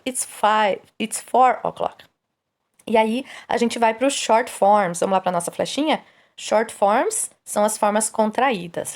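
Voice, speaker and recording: A woman with a mid-range voice teaches English grammar, posing questions and then answering them herself. She reads the English examples slowly but explains at a quicker clip.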